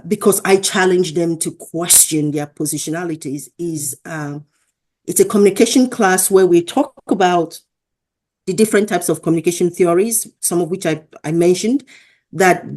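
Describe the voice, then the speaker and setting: A woman's voice: fairly low pitch, warm tone. Woman from Africa telling classroom stories. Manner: earnest, acts out quoted dialogue. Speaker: guest, associate professor. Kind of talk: interview, conversational storytelling.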